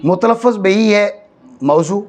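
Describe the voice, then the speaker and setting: A man from Pakistan gives a classroom lecture in a fairly high voice. He often stops to ask whether his students are following. He slowly repeats key phrases to drive a point home. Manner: checks understanding, repeats phrases slowly for stress. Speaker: teacher of Arabic grammar. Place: madrasa classroom.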